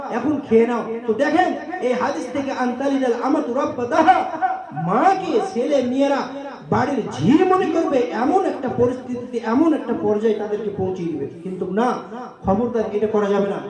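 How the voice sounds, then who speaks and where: A man preaching a sermon, with a chanting, sing-song delivery. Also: very high-pitched. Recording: echoey crowded gathering. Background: crowd.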